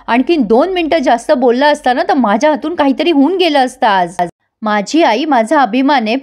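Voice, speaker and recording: A woman's voice: sits high, darkish tone. A woman voicing a hurt, indignant unmarried daughter who pleads and defends her mother as she retells a TV serial scene.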